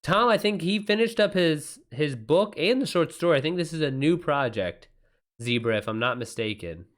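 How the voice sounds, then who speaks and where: Slangy, sweary and informal, this male livestreamer is an author fielding writing questions from chat messages. He sounds a little high, with lively intonation and a moderate pace.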